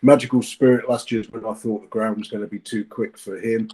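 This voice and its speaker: Dark-voiced man picking horses. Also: on the low side, little pitch movement, brisk, poor audio. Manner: hesitant, with many fillers and restarts. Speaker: racing tipster. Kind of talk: casual racing preview chat.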